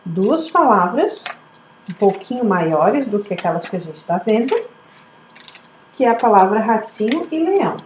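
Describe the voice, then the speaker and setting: A woman teacher, slowly sounding out words syllable by syllable for young children. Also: mid-range voice. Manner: slow, syllable-by-syllable, lively teacher questions. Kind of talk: early literacy lesson for children. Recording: echoey room, slightly dull audio, faint hum.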